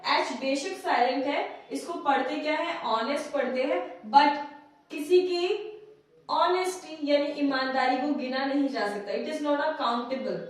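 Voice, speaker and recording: Woman, English teacher, high voice, echoey room, distant mic, quizzes viewers. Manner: repeats questions to viewers, frequent checking "theek hai". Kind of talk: casual whiteboard grammar lesson.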